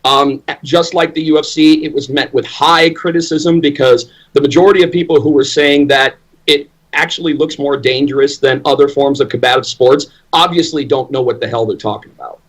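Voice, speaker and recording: A man's voice: mid-range voice, fairly quick, breathy edge, rough recording. A man who works as a ring announcer, talking conversationally and emphatically as an opinionated interview guest.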